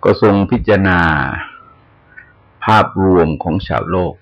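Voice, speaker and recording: Older male monk, measured sermon delivery, very low and creaky. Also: muffled recording. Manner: slow, measured explaining with pauses. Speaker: Buddhist monk.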